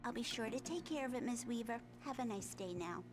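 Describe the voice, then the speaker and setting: A woman playing a small-town deputy in a video game. She speaks politely in a fairly high voice, chatty and helpful, over music. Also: expressive, brisk, lightly acted. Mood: courteous.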